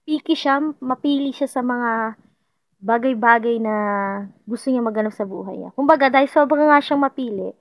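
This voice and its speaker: Woman, casual tarot reader, playful, repetitive, higher voice. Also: normal speed, no room sound. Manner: chatty, playful, repeats herself, laughs often. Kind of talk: casual tarot reading to viewers.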